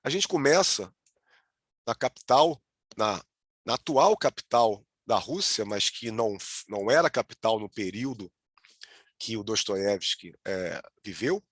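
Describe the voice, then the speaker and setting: A man's voice: fairly low pitch, expressive, a little slow, a bit bright, husky, dry recording. A man with a Brazilian accent giving an online lecture as a virtual tour guide, often restarting words and checking in with the audience. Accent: Brazilian Portuguese. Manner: hesitant, with frequent restarts and "né?" checks.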